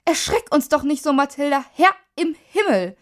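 A woman's voice: high voice, sing-song, normal speed. A woman voicing a proper mother who scolds prim and startled.

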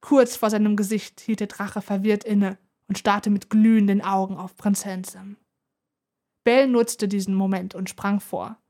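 A woman narrating a children's adventure story aloud in an even, expressive way. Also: medium pitch, moderate pace. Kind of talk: storybook reading.

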